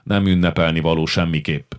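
A man's voice: a bass voice, fairly even intonation. A man voicing a mild clerk who modestly apologises in an audiobook. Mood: apologetic.

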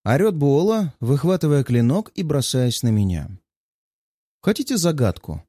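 A man narrating a first-person audiobook with ironic, lively storytelling. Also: on the high side, normal speed, no echo, clean studio sound.

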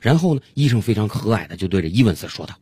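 A man's voice: fairly low pitch, sing-song, racing, noisy background. A man hosting a radio comedy show, telling jokes in a chatty, colloquial way. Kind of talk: storytelling jokes.

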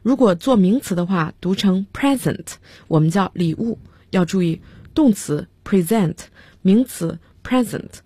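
Husky woman teaching English on radio. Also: mid-range voice, a little mellow, no echo. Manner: spells words out letter by letter, slow and careful. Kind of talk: radio English vocabulary lesson.

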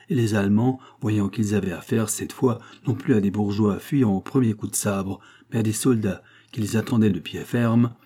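A man reading a classic novel aloud as an audiobook narrator, in a steady, measured storytelling voice. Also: on the low side, husky.

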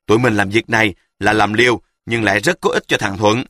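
A man's voice: on the low side, fairly even intonation, brisk, sharp tone, dry recording, clean studio sound. A man voicing a bold, scheming boy who leads his friends and mocks them in a cocky way. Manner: mocking, cocky.

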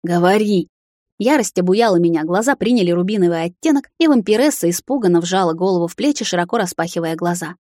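Woman reading a novel aloud, lowish voice, dramatic, dry close sound. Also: expressive, quick pace, few pauses, dark tone, no room sound. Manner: dramatic first-person reading. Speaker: audiobook narrator. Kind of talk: scripted narration.

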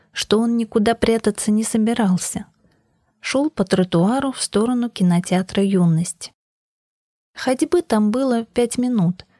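A woman narrating an audiobook in the first person, with a measured, even storytelling delivery. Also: medium pitch, no room sound, studio quality.

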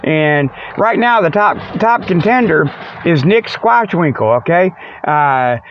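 Slow and expressive, with a voice on the high side, an American man meanders through a casual, folksy monologue as host of a comic Sasquatch show, adding jokes along the way. A bit of hiss or hum sits under the close, dry, dull lo-fi radio-like recording.

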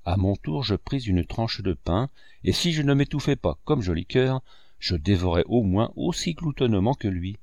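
A man narrating a classic novel in a measured storytelling manner. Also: on the low side, lively intonation, a little mellow, no room sound, studio quality. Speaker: audiobook narrator.

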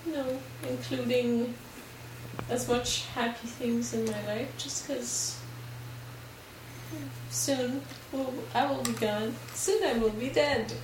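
High-voiced giggly woman in an echoey room. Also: fairly even intonation, slow. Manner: giggly, self-deprecating, laughs often. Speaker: podcast guest. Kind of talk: casual podcast chat. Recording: echoey room, distant mic, noisy background.

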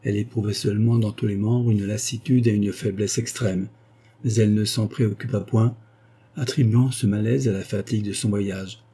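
A man narrating a classic novel as an audiobook, in a measured, dramatic reading. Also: fairly low pitch, fairly even intonation, warm tone, breathy edge. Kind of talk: scripted narration.

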